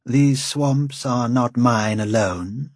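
A man's voice: mid-range voice, takes it slowly, a little mellow, dry recording, studio quality, pitched above the performer's own voice. A man voicing a haughty noble lord who rides nude and hunts in the swamps, pompous and mocking.

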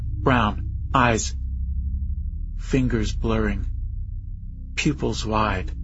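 Glitching robotic ship AI, slow, solemn, robot filter, muffled audio. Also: male voice, mid-range voice, background noise. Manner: slow, grave, measured narration. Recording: muffled audio with music behind. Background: music score.

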